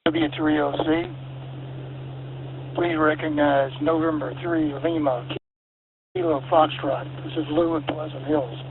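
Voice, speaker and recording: A man's voice: fairly high pitch, fairly even intonation, a little slow, long pauses, phone-quality sound. A man checking in to a ham radio net, reading out his call sign in formal phrasing, heard over a two-way radio transmission with static.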